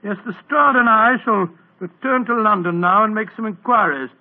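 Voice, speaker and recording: An actor playing a bluff, kindly older English doctor who blusters and stammers, in an old radio drama. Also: male voice, sits high, moderate pace. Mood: questioning. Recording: tinny 1940s radio broadcast.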